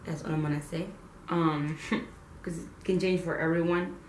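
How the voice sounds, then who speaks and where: A woman's voice: low-pitched, normal speed, roomy sound, rough recording. A young woman talks straight to camera in a loose, chatty way, peppering her talk with "like" and swearing. Her voice rings around a reflective room, with a faint hum of ambience behind her. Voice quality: animated, swears freely, lots of "like". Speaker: vlogger. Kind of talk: casual spiritual vlog talk.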